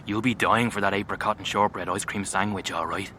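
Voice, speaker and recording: A man's voice: on the low side, fairly even intonation, brisk, pushed and bright, a little hiss or hum. An actor playing a wry, goading male gangster boss with a menacing edge in an audio comedy.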